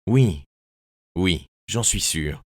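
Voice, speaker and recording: A man's voice: sits low, animated, very slow, no echo, clean studio sound, exaggerated voice. A man voicing a troubled, hypnotized young woman who pleads hesitantly and anxiously. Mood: anxious pleading.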